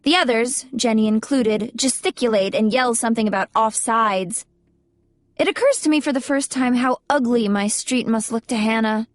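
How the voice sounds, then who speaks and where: Fairly high-voiced woman narrating an audiobook. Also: moderate pace, no echo. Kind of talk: first-person audiobook narration.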